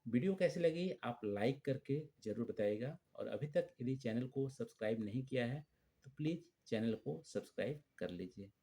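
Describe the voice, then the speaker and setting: A man's voice: mid-range voice, lively intonation, normal speed, dark tone. A man teaching young children, patiently spelling out letters and words one by one.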